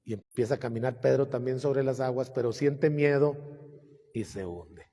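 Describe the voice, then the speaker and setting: A man's voice: mid-range voice, moderate pace, warm tone, in a large hall, a little hiss or hum. An older man, a priest, retelling gospel stories in a folksy, humorous homily with asides. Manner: folksy, humorous storytelling with asides and acted quotes.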